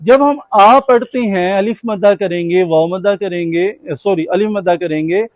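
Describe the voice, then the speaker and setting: A man's voice: high voice, normal speed, no room sound. A man teaching a class, patiently asking his students questions and having them answer back. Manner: patient call-and-response questioning. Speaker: Quran teacher.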